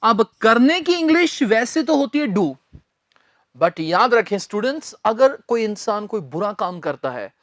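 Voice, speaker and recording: A man teaching English grammar in a recorded lecture, speaking deliberately, spelling words letter by letter and repeating key phrases. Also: sits high, sing-song, a bit bright, no room sound.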